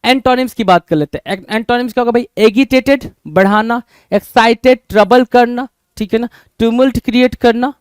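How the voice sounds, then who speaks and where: A man with an Indian accent teaches English words, mixing Hindi and English and asking his class the same question again and again. His voice sits high and sounds smooth and clear. The sound is dry and close, with no room echo. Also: normal speed. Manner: repeats questions to students, calls them brother. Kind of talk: Hindi-English vocabulary lesson.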